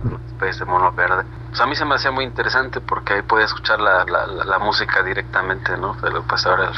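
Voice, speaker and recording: Being interviewed as a member of a reggae band, this low-voiced Mexican man speaks fast. His talk is slangy and rambling, frequently finishing with tag questions. The internet call sounds dull and a bit noisy.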